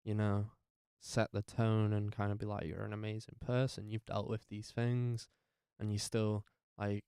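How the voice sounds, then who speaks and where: Young man, tired, very flat delivery, smooth voice, dry close sound, halting speech. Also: lowish voice, no echo. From North West England. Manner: halting, with many fillers and restarts. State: tired, up very early. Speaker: vlogger. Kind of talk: personal life story told to camera.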